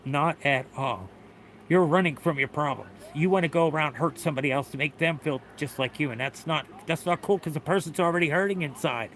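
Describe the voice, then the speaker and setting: A middle-aged man speaks earnestly to his stream with a bright, slightly high voice. He repeats himself and swears freely, sounding close to tears, with faint noise in the background. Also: a little fast. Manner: earnest, repetitive, swears often. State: tearful. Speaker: livestreamer. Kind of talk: emotional livestream talk.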